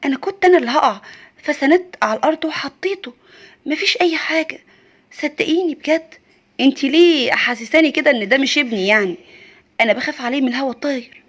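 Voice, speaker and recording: A woman's voice: sits high, fast, a bit bright. Woman playing an anxious young Egyptian mother. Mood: defensive. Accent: Egyptian Arabic. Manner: pleading, anxious. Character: distraught young new mother.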